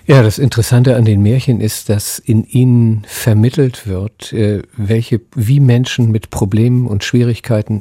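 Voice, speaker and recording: A middle-aged man giving expert explanations in a radio interview, thoughtful and halting, pausing mid-phrase. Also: fairly low pitch, warm tone, slightly rough, no echo, clean studio sound. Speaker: psychoanalyst and academy president, interview guest.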